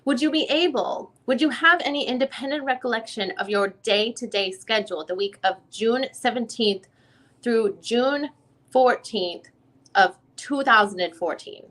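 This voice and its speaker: This is a dramatic legal-transcript reading in which a woman, her voice a little high and fairly bright at normal speed, plays a lawyer at a deposition. She questions the witness formally and methodically, with a probing edge.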